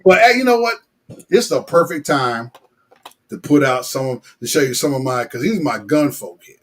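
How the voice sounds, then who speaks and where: A man's voice: medium pitch, lively intonation, moderate pace, a bit bright. A man hosting a casual live smoking session, talking in slang, rambling and often repeating himself. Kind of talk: casual livestream chat.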